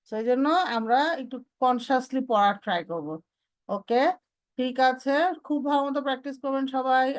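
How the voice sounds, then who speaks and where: Woman drilling letter sounds, slow and clear. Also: high voice. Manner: drills letter sounds slowly, switches to English phrases. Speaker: Quran recitation teacher. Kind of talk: online tajweed lesson.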